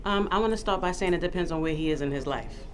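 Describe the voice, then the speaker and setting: A woman's voice: lowish voice, quick pace. A woman in her forties from New York, a guest panelist who answers in a playful, giggly, hesitant way. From Queens, New York. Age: 40s.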